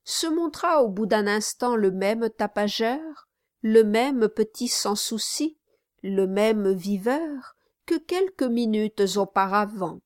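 A woman narrating a classic novel in a measured, even storytelling manner. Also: mid-range voice, dry recording, clean studio sound. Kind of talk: audiobook narration.

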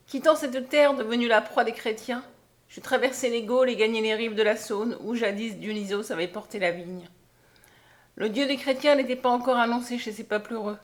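A woman narrating a literary audiobook in a measured, expressive manner. Her voice sits a little high for a woman, and she gives the long sentences a steady, deliberate shape. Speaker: audiobook reader.

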